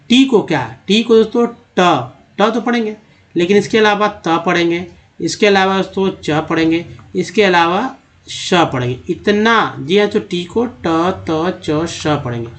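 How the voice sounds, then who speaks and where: A man teaching how to pronounce English letters, repeating each sound slowly and calling the viewers his friends. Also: high voice.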